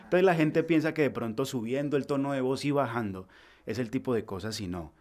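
A man's voice: mid-range voice, brisk. A young man, a voice-over artist chatting as a podcast guest and acting out the voices of people in his stories. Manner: animated storyteller, acts out quoted voices. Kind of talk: casual podcast chat.

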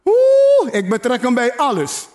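A man's voice: sits high, animated, unhurried. A man preaching a sermon, urging his listeners with repeated phrases and playful asides. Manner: repetitive exhortation, playful asides and calls to the congregation. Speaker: pastor.

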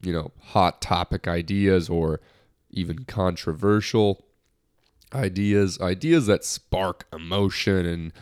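A young American man hosts his own casual solo podcast, rambling lightheartedly with many restarts. His low voice moves slowly, darkish and clean in tone, with a slight nasal quality left over from a recent cold.

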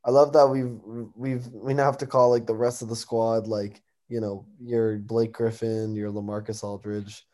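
A man's voice: lowish voice, level tone, moderate pace, few pauses, warm tone. A young American man co-hosting a sports talk, casually giving predictions on games.

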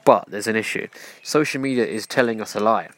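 A man's voice: fairly low pitch, fairly quick, a bit bright. A man hosting a self-help podcast, speaking earnestly and preachily in direct address to the listener. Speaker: podcast host.

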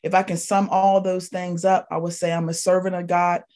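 On a podcast, a guest from Pittsburgh, Pennsylvania gives casual spoken testimony in a somewhat low, darkish, level voice at normal speed. She rambles a lot, with frequent fillers and repeated phrases.

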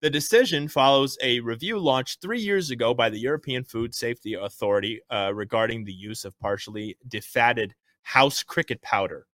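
A man's voice: mid-range voice, moderate pace, few pauses, fairly bright tone, no room sound. Guy hosting a political comedy news show, punchy and jokey, opinionated, dry close sound. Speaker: show host.

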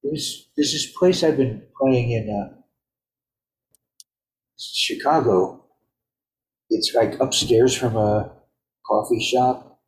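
A man's voice: mid-range voice, takes it slowly, long pauses. A man in casual chat, telling stories about his gigs and chuckling as he goes. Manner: storytelling, chuckling. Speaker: guest musician. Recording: roomy echo.

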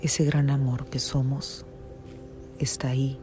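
A soothing guided meditation narrator speaks at a very slow pace, as in a sleep story. The voice is hushed and medium in pitch, with long pauses between short phrases. Music plays clearly behind the words. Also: little pitch movement.

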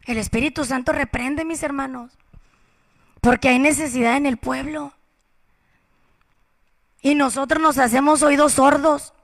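A woman preaching a passionate sermon, swinging from loud exhortation to hushed whispers. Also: high-pitched, steady tone, measured pace, vocal fry, long pauses. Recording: reverberant hall.

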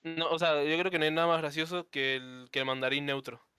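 Smooth, slightly high man. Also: fairly even intonation, fairly quick, pushed and bright, no room sound, studio quality. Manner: rambling, restarts often, tells anecdotes. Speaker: podcast co-host. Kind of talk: casual chat.

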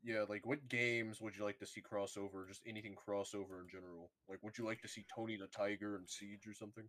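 A man's voice: fairly low pitch, level tone, quick pace, fairly bright tone. A man co-hosting a casual podcast chat, jokey, asking the group questions. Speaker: podcast co-host.

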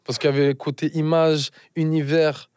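A musician from Marseille with a southern French accent, chatting casually in an interview, often searching for words and slipping in English. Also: male voice, a little high, flat delivery, moderate pace, darkish tone, clear, resonant tone, dry recording, clean studio sound. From Marseille, France. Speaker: musician guest.

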